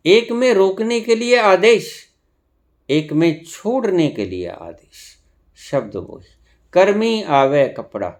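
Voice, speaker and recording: Man w/ tinged giving a spiritual talk, slow and unhurried, voice rises and falls a lot. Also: medium pitch. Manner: slow, expressive preaching with sudden emphatic rises. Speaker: spiritual teacher. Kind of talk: spiritual discourse.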